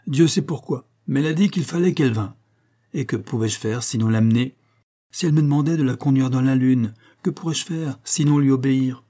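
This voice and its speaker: A man's voice: medium pitch, brisk, natural voice. A man reading aloud and voicing a hearty, blustering young husband in an audiobook. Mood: exasperated. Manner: excited, blustering.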